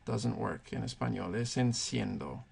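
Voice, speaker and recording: Gravelly-voiced man teaching Spanish grammar. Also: fairly low pitch, moderate pace, darkish tone. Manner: patient, thinking aloud with fillers. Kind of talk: explaining grammar at a whiteboard.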